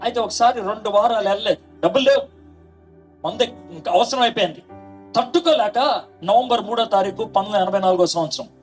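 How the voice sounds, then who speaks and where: A male preacher from Andhra Pradesh telling his own story as a sermon, acting out the dialogue with animated swings. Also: high voice, a little fast, long pauses, rough recording. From Andhra Pradesh, India. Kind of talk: testimony sermon. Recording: faint background music.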